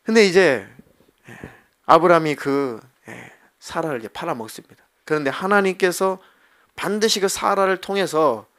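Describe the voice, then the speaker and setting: A man's voice: fairly high pitch, lively intonation, normal speed, a bit bright. A middle-aged male pastor preaching a Wednesday evening sermon in a plain conversational way, now and then acting out short dialogues.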